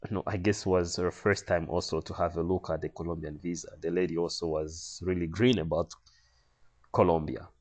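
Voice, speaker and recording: A man from Congo telling a comic travel story in a conversational, animated way with some fillers. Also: low-pitched.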